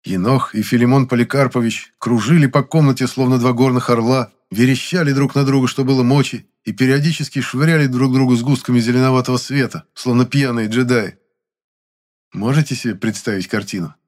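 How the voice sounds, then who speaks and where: Guy reading an audiobook, first person, even middle voice. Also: medium pitch, fairly quick. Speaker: audiobook narrator.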